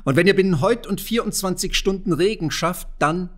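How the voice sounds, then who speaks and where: A man doing a loud boastful farmer. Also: a little high, expressive, unhurried. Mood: blustering. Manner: blustering, mocking. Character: fat proud wealthy old farmer, boastful.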